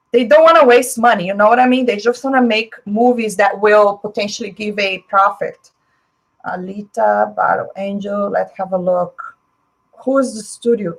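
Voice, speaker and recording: A native Portuguese speaker from Brazil hosts a casual live stream, chatting opinionatedly and answering viewer comments with a steady stream of fillers. She speaks in a mid-range voice over a rough recording.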